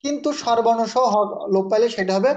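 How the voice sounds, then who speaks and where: A man's voice: extremely high pitch, quick pace, a little mellow, lo-fi sound. A man with a Bangladeshi Bengali accent teaching an online exam-prep grammar class, who explains patiently and calls on students by name.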